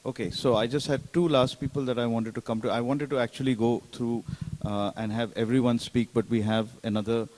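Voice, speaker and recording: A man moderating a group discussion in a spontaneous, slightly hurried way, often restarting his sentences. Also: medium pitch, fairly even intonation, a little mellow, low-quality recording.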